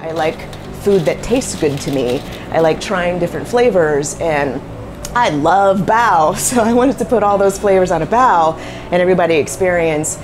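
A middle-aged woman from Cambodia, a restaurant co-owner chatting in an interview, quick with fillers and asides, on a lapel mic in a small kitchen. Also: lowish voice. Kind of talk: casual interview. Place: small commercial kitchen, indoors. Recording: music bed underneath.

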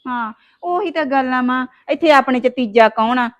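A woman's voice: sits high, moderate pace, dull audio, close to an everyday voice. A woman, playing a scheming daughter-in-law who scolds and wheedles in a village family drama. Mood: wheedling. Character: sharp-tongued scheming young daughter-in-law.

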